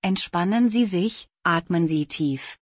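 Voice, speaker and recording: A woman calmly reading out scripted instructions for a guided relaxation exercise. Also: lowish voice, husky, no echo, clean studio sound. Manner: calm, slow, repetitive prompts.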